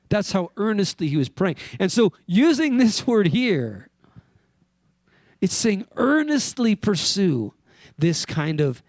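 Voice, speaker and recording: This high-voiced Wyoming man speaks as a pastor, delivering his sermon earnestly yet conversationally. He questions the congregation and lets key words fall softly, with no audible room sound.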